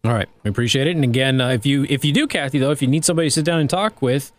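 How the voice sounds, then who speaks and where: A man's voice: medium pitch, racing, slight background noise. A man hosting a radio talk show, reading out listener questions and station plugs.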